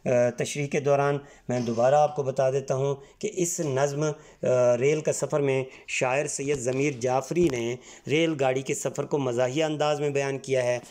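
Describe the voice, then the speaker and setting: A man's voice: medium pitch, steady tone, few pauses, a little mellow. A man from Pakistan, teaching a textbook exercise patiently and spelling words out letter by letter. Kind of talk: Urdu textbook exercise lesson.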